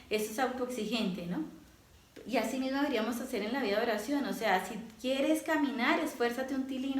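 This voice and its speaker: A woman leading a prayer group, teaching in an earnest way and often checking in with her listeners through short tag questions. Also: fairly high pitch. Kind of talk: spoken religious teaching. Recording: echoey room.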